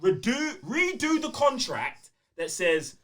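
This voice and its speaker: A high-voiced London man hosts a casual gaming podcast, ranting heatedly in heavy slang and hammering the same phrases again and again for emphasis. His pitch swings wildly in a sing-song way, his pace is slow, and his tone is a bit bright.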